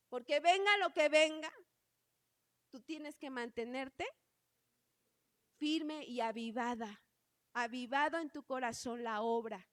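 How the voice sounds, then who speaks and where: A woman's voice: high-pitched, dry recording, clean studio sound. A woman preaching a sermon in an earnest way, often calling out to her congregation as brothers.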